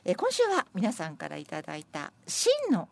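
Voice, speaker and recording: A woman's voice: low voice, huge pitch swings, moderate pace, vocal fry. A woman hosting a radio corner, politely reading listeners' short poems aloud, each one twice with lifted emphasis. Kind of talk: radio program presenting.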